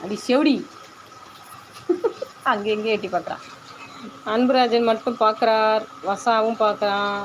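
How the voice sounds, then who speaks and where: A woman's voice: a little high, fairly even intonation, unhurried, long pauses, a little hiss or hum, low-quality recording. A woman chatting casually to her cats and viewers, calling and coaxing them in a sing-song way. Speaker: pet channel host.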